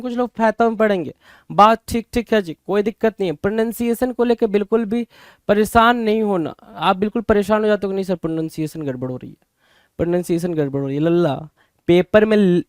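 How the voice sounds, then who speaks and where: High, smooth-voiced vocabulary teacher. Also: male voice, no room sound, clean studio sound. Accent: Indian English. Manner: repetitive, rhetorical questions, addresses students as "bhai". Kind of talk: exam-prep lesson.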